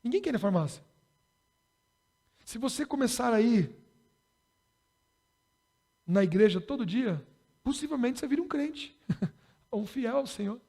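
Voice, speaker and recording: A man's voice: very high-pitched, expressive, measured pace, long pauses, warm tone, breathy edge. A Brazilian man preaching a sermon as pastor, speaking in a conversational, humorous way and rising in emphasis on key points. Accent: Brazilian Portuguese.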